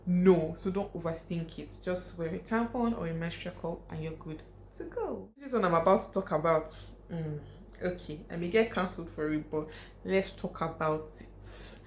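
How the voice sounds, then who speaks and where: Young woman vlogging, kinda low voice, blunt and repeats stuff, echoey room. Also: normal speed. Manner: frank, emphatic, repeats points for stress. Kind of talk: casual advice talk to camera. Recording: echoey room, faint hiss.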